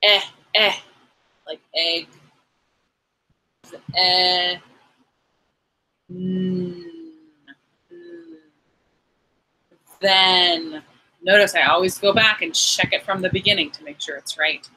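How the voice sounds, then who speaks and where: A woman teacher giving a phonics lesson to young children, sounding out words slowly and encouragingly. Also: lowish voice, animated, sharp tone, low-quality recording. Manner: slow, clearly segmented sounds, encouraging.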